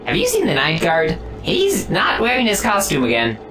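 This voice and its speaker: Woman doing a chill clueless bunny bot, low gravelly deadpan voice. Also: moderate pace, over a noisy crowd, exaggerated voice. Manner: deadpan, unbothered. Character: calm, dim male rabbit animatronic. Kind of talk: fan animation voice acting. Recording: loud music underneath.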